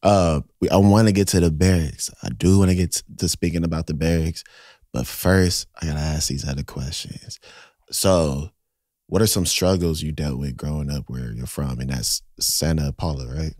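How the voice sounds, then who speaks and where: Deep-voiced laid-back podcast host. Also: male voice, steady tone, a little mellow, dry recording, clean studio sound. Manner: laid-back, joking, quick to laugh, swears. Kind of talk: casual interview chat. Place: cluttered garage studio, indoors. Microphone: podcast mic on boom arm.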